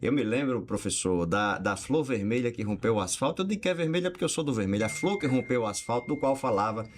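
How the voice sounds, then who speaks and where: A man's voice: mid-range voice, expressive, fast. A man speaking as a podcast guest in a studio, giving closing remarks and reciting poetry in a declamatory manner. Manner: declamatory, rising into heightened recitation.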